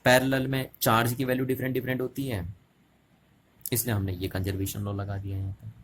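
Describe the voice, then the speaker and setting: A man's voice: medium pitch, monotone, a little fast, a little hiss or hum. A man teaching a physics lesson at a board, explaining step by step and often checking with the students. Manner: repetitive, checking questions to students.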